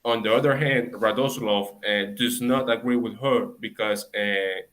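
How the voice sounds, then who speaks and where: A young man reads his section of a class presentation in a slightly low voice. He pauses often and fills the gaps as he works through each point. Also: fairly even intonation, a bit bright, low-quality recording. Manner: hesitant, frequent fillers. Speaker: student presenter.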